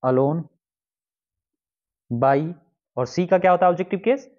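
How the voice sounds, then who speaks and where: Guy teaching grammar step by step, kinda high voice, muffled lo-fi sound. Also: a little slow. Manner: explains step by step, repeats the same question-and-answer prompts. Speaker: English teacher. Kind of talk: exam-prep grammar lesson. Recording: dull lo-fi lesson recording.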